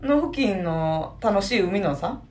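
A woman's voice: medium pitch, expressive, slow pace, darkish tone. A woman with a Kansai accent, co-hosting a casual comedy radio chat and throwing in goofy asides. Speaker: comedy duo radio co-host.

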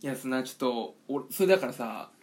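A young man co-hosting a casual podcast chat, telling an animated story and acting out the quotes. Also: medium pitch, quick pace. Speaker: podcast co-host.

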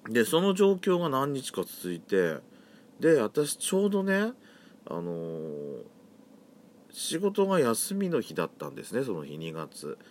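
A man's voice: medium pitch, darkish tone, slight background noise. A man with a Yamagata accent hosting a solo chat podcast, talking in a chatty way with campy, feminine turns of phrase. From Yamagata, Japan. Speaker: podcast host.

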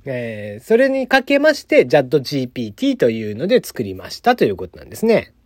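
A man hosts a casual solo podcast, reading out a news item and adding his own wry asides, with plenty of "uh" fillers. His pitch swings widely as he talks. The recording is close and dry, with no room sound. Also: wildly swooping pitch, fast, no room sound.

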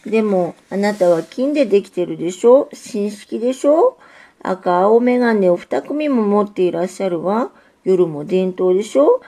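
A woman's voice: mid-range voice, animated, moderate pace, dark tone. A woman voicing a shy, modest young female railway signal in a storybook reading, speaking politely and demurely. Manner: demure, polite, self-deprecating.

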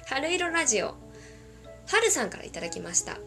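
A woman's voice: sits high, sing-song, moderate pace, creaky, sharp tone. A woman hosting a casual podcast, reading out listener requests in a playful, self-conscious way and laughing often. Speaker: podcast host. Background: faint background music.

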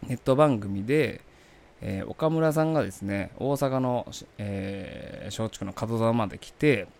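A low-pitched man with a rough, gravelly edge talks in a polite, rambling way. His pitch rises and falls with a lot of life as he recalls his work as a comedian. It is a relaxed solo podcast chat. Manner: polite, chatty storytelling. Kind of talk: casual podcast monologue.

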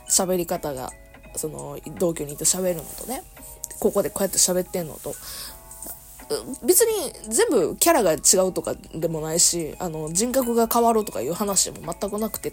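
With faint music behind her, a young woman hosts her own radio talk show in a Kansai accent, chatting casually, laughing a lot and self-correcting. She speaks at a moderate pace in a fairly low, sing-song voice; it's a solo podcast chat.

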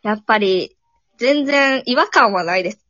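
A young woman with a Kansai accent chats as a guest, her voice bright and lively, rising and falling freely. She giggles often, and the sound is dry and a little muffled, as over a remote call. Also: a little high, normal speed, no room sound. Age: 20s. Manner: cheerful, giggly. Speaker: guest university student. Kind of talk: casual chat.

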